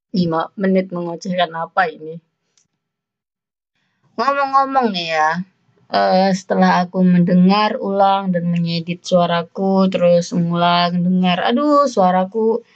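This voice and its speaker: Fast-talking rambling young Javanese woman. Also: mid-range voice. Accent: Javanese Indonesian. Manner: fast, rambling, self-mocking, laughs often. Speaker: podcast host. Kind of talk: casual solo podcast monologue. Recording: slightly dull lo-fi sound.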